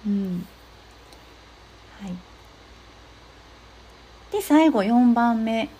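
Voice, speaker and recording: A young woman hosting an advice talk, explaining steps gently with frequent soft agreeing fillers. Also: fairly high pitch, expressive, extremely slow, slightly rough. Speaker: podcast host giving advice to therapists.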